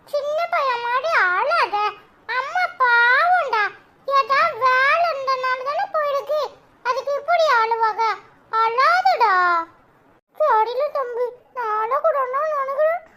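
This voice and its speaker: A woman's voice: very high-pitched, very noisy, full character voice. A woman with a Kanyakumari Tamil accent voicing whiny, tearful little boys in a cartoon. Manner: whiny, sobbing, drawn-out. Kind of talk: cartoon voice acting.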